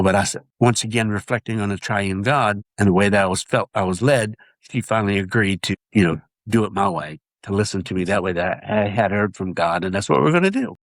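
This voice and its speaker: A low-quality recording without room sound captures a man whose nasal voice sits on the low side. He sincerely shares his testimony in a casual interview, halting often and restarting his sentences.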